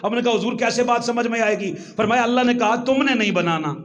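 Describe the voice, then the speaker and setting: A high-pitched man delivers a Friday sermon in a mosque, speaking. He switches between soft storytelling and loud, shouted peaks, acting out the voices he quotes. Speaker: preacher.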